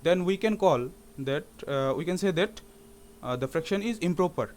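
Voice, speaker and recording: A man's voice: on the high side, expressive, drawn-out words, darkish tone. Guy teaching math, keeps asking yes or no, light hiss behind. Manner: asks students rhetorical questions, mixes English terms. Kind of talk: classroom lecture.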